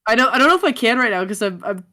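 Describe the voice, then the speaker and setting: A woman's voice: fairly high pitch, expressive, rapid-fire, pushed and bright. A woman co-hosting a podcast, rambling through stories in loose casual chat, swearing and laughing a lot. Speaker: podcast co-host.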